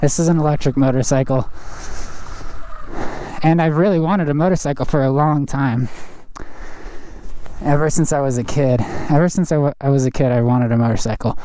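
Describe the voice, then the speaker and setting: A man chatting casually inside a helmet as he rides, rambling and haltingly thinking aloud like a motovlogger. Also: mid-range voice, fairly even intonation, warm tone. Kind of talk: casual chat while riding. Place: inside a helmet, riding outdoors on a trail. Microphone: helmet microphone. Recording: muffled inside a helmet, vehicle noise. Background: faint vehicle and riding noise.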